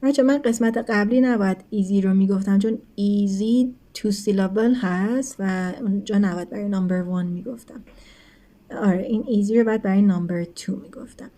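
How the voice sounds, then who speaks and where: Woman english teacher, mellow low-bright tone, quick explanations, slow careful example words. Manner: addresses students as kids, asks rhetorical checks. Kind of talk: recorded textbook grammar lesson.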